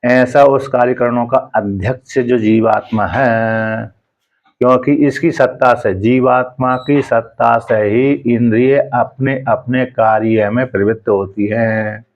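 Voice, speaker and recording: A man teaching a Sanskrit scripture commentary, reading each phrase slowly and then explaining it in plain conversational speech. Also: mid-range voice, steady tone, muffled recording.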